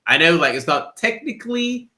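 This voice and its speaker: A man co-hosting a podcast in casual, energetic chat, full of slang and quick laughs. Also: fairly high pitch. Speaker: podcast co-host.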